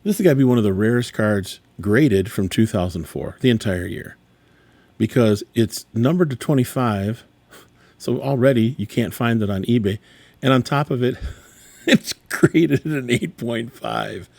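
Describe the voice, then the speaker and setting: A man's voice: medium pitch, expressive, moderate pace, darkish tone, no echo. A middle-aged man talking casually, rambling and exasperated, correcting himself often as he reacts to graded sports cards. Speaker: sports card dealer. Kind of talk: casual card grading reveal vlog.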